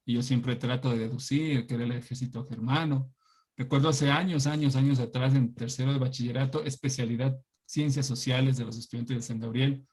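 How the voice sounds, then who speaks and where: A middle-aged man from Ecuador teaches an online class, telling anecdotes in a chatty way and often asking "¿no?" His voice is medium-pitched, creaky, and a little mellow, with a breathy edge.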